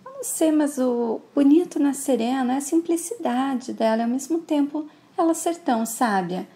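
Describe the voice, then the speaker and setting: Unsure young guy, high and lively, a woman voicing him. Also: moderate pace. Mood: doubtful.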